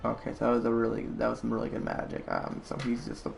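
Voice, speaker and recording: Man, gravelly voice, tabletop player, casual and blunt, stammering, faint hiss. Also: mid-range voice, monotone, fast.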